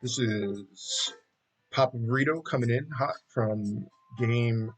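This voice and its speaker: A man in his thirties doing a hammy impression of a smooth AM radio announcer. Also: soft background music, poor audio. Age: 30s. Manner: slow, low, put-on announcer delivery. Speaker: stock market livestreamer.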